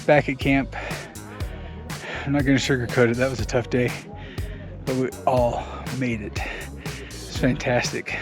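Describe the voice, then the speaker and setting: A man's voice: mid-range voice, fairly even intonation, measured pace, pauses often, over music. A middle-aged man vlogging a mountain climb with his family, out of breath and cheering everyone on. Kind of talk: casual vlog chat. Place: outdoors on a high mountain.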